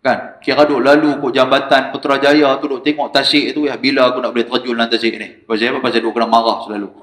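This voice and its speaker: A man with a northern Malaysian Malay accent giving an evening lecture in a small prayer hall, telling stories animatedly and swinging between low asides and raised exclamations. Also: fairly even intonation, fast talker, fairly bright tone. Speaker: religious lecturer. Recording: echoey prayer hall recording.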